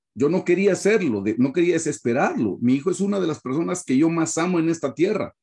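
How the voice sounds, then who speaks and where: A man's voice: medium pitch, creaky, dark tone. A man with a Guatemalan accent, a pastor giving an earnest personal testimony in a sermon over a video call and often calling his listeners brothers. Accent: Guatemalan Spanish.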